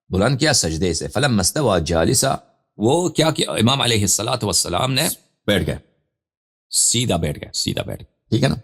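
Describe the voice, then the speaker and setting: A man, a religious scholar, teaches prayer step by step, reading Arabic text slowly and then explaining it plainly, asking questions and answering them himself. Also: medium pitch, creaky, a bit bright. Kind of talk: religious lesson with Arabic recitation. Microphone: studio mic on a live web show.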